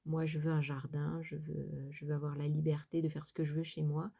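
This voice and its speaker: A middle-aged woman from France talks to her craft channel's viewers in a low, mellow voice. She rambles casually, circling back with fillers and restarts. Her tone stays soft and unhurried, never sharp. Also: flat delivery, vocal fry, breathy edge. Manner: hesitant, many fillers and restarts, chatty asides. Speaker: sewing and crafts vlogger.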